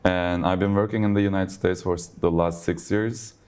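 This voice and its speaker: A man's voice: sits low, moderate pace, smooth. A man from Turkey, a non-native English speaker, talking casually at an industry event interview, with lots of "like" and "basically" fillers. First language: Turkish. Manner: relaxed, uses many fillers like "like" and "basically". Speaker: logistics business owner. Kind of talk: conversational interview. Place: conference event.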